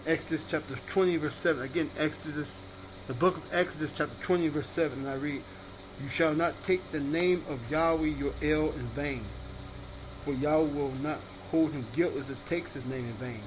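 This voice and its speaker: Reading Bible passages during a sermon, this man deliberately repeats each verse reference at a slow pace. He sounds on the high side with a steady tone, and there is noise in the background.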